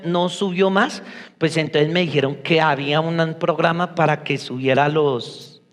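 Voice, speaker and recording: High-voiced preacher in a hall. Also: male voice. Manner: personal storytelling, addresses the congregation directly. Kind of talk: sermon. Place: church hall. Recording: long echo of a church hall.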